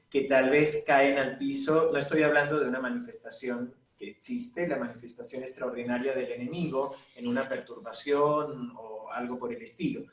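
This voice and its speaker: A man giving an informal spiritual talk to seminarians, conversational and full of anecdotes and quoted prayers. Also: mid-range voice. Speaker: priest or formator of seminarians. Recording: echoey room, voice a bit far from the mic.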